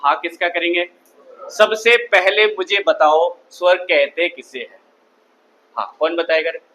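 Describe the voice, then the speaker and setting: The man's voice sits high and sounds pushed and bright, though he never hurries, and the recording is rough. He's giving a classroom lecture on Hindi grammar, quizzing the class again and again in call-and-response fashion.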